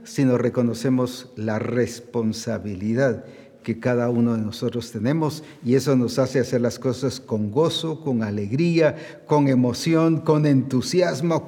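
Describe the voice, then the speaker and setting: Man, sermon, slow deliberate delivery, dark mellow tone, rhetorical questions, long hall reverb. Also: mid-range voice. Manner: emphatic preaching with rhetorical questions. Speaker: apostle preaching.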